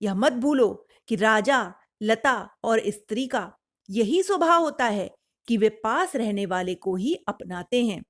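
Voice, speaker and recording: A woman voicing a cautious, sensible male jackal who reasons gently with his friend. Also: fairly high pitch, animated, slow pace. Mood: cautioning.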